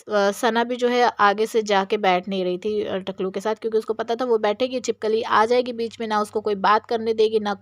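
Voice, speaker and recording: A woman's voice: on the high side, dry recording, studio quality. A woman giving a casual, opinionated recap of a reality show episode, with many filler phrases. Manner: chatty, repeats "yahan pe" and "jo hai" fillers; opinionated, voices her own reactions.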